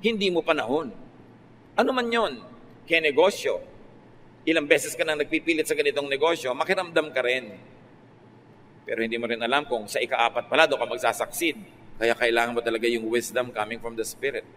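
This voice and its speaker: A man's voice: medium pitch, a little fast, fairly bright tone. A man with a Filipino accent preaching a sermon, switching between Tagalog and English with playful asides. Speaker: pastor. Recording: long reverb with faint ambient noise.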